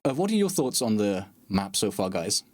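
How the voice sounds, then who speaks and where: Chatty podcast host. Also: male voice, fairly low pitch, big pitch swings, moderate pace, a little mellow. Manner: chatty, self-deprecating, sarcastic asides. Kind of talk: casual podcast chat.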